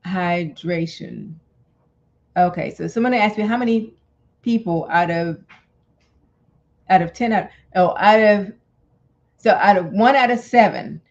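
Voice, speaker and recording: Chatty rambling woman on a lo-fi stream. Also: lowish voice. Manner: chatty, rambling, restarts often, laughs easily. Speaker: health channel host. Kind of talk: casual live-stream health talk.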